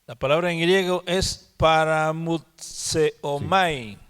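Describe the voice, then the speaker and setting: A man teaching the Bible at a prayer meeting. He talks slowly, repeats words and keeps asking "¿sí?". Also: fairly high pitch, fairly bright tone, clear, resonant tone, long reverb tail. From Mexico. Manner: slow, repeats words and asks "¿sí?". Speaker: preacher.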